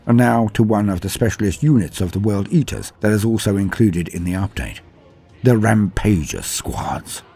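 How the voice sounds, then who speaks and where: Hosting a lore channel, a man reads scripted lore narration in a grave, dramatic storytelling manner over faint background music. His lowish voice is expressive, mellow and husky with vocal fry, at a normal speed.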